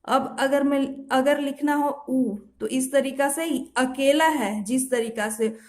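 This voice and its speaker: A woman's voice: high voice, fairly even intonation, slow. A woman teaching shorthand, explaining each rule patiently step by step and repeating her examples, now and then correcting herself. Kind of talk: step-by-step instructional lesson. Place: home.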